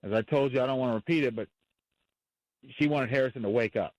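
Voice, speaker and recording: Man, defense attorney, radio interview, blunt, emphatic, repetitive for stress, medium pitch, dry sound. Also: fast talker, darkish tone, dry recording, dull audio. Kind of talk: impassioned advocacy in a radio interview.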